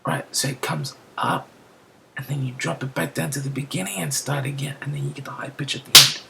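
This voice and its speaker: A beatbox tutor casually explaining a technique step by step, often checking in with "right?" and dropping into soft whispered asides. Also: mid-range voice, fairly even intonation, a little fast, creaky, a little hiss or hum.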